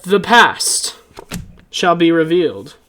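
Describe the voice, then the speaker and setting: A man voicing a cryptic, commanding old woman fortune teller in a tabletop game, with a slow, ominous delivery. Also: a little high, big pitch swings, a bit bright, heavily acted. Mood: solemn, portentous. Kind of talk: tabletop game role-play.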